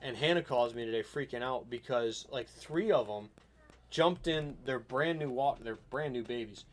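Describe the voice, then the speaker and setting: A man hosting a casual hunting podcast, rambling and animated, often checking that the listener follows. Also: mid-range voice, normal speed. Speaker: podcast host.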